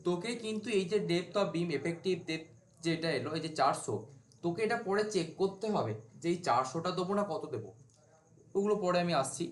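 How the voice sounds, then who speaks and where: A male teacher gives a whiteboard lecture to students. His voice sits a little high, and he keeps asking questions and answering them himself. The room adds a noticeable echo. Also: lively intonation, normal speed. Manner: informal, asks and answers his own questions. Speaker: civil engineering teacher.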